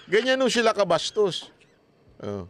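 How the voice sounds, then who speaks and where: A man's voice: high-pitched, wildly swooping pitch, a little slow, very noisy. A man giving casual political commentary, mocking and laughing often, throwing rhetorical questions at his viewers.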